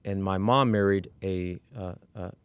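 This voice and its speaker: A middle-aged man from Iran tells his own story as an interview guest. His voice sits low and sounds clear and smooth. He speaks in a measured way, with fillers and restarts. The recording is dry and close. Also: dry recording, highs cut off. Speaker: executive coach. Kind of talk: candid personal storytelling.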